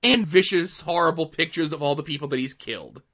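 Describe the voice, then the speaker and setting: A man's voice: fairly high pitch, brisk, fairly bright tone, muffled recording. A man co-hosting a comic book podcast, chatting casually and enthusiastically with a lot of fillers. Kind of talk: casual chat reviewing comics.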